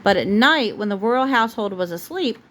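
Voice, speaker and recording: Reading a storybook to her young child at home, a woman speaks in a medium-pitched, slightly bright voice that is animated and fairly quick. She stops to answer the child with patience, and the home recording has clear background noise.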